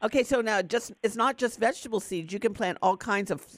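A woman's voice: on the high side, a little fast, no room sound, studio quality. A woman hosting a garden radio show, asking friendly conversational questions. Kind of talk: radio call-in interview.

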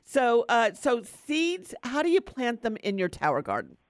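A woman's voice: fairly high pitch, sing-song, normal speed, dry recording, clean studio sound. A woman hosting a garden radio show, asking friendly conversational questions. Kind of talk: radio call-in interview.

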